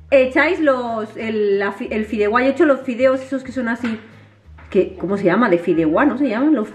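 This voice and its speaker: A woman, chatting casually to viewers in her home kitchen as a vlogger. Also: sits high. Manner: chatty, animated, addresses viewers directly. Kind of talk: casual home vlog chat.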